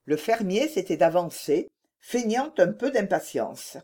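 A woman reading a classic novel aloud as an audiobook narrator, in a measured storytelling manner. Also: medium pitch, sing-song, mellow. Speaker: audiobook reader.

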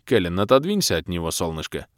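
A man voicing a protective male adventurer who flatly brushes off a companion. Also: deep voice, fast talker, no room sound, studio quality. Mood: dismissive.

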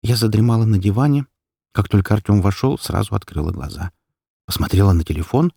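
Gravelly, expressive male audiobook narrator. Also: lowish voice, a little fast, no echo, studio quality. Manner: expressive, lively storytelling. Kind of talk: scripted first-person narration.

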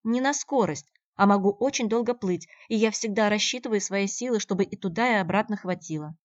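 A woman voicing a quick-tempered young girl who speaks in an indignant, emphatic way, in a dull, dry recording. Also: medium pitch, no echo, pitched above the performer's own voice, lightly acted.

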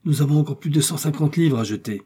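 A man's voice: fairly high pitch, quick pace, dark tone, breathy edge, voice pushed up. A man voicing a bold scientist who leads a balloon voyage, giving urgent commands.

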